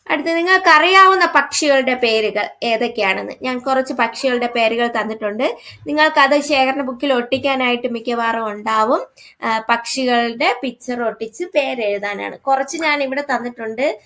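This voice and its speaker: Lady teacher, higher voice, patient, asks the kids things then answers herself. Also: a bit bright. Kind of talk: explaining a first-grade workbook.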